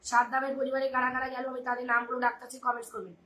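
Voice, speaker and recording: A woman hosting a live stream, rapidly urging viewers over and over and reading out their names. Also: high voice, level tone, a bit bright. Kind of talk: live stream audience chat. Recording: echoey room with faint noise.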